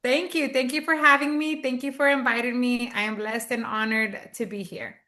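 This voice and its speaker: Speaking at normal speed in a slightly high, bright and forceful voice with a steady tone, this Texas woman in her thirties is a business owner. She's a guest on a video call for a casual interview, sharing her story cheerfully and talkatively, with plenty of fillers.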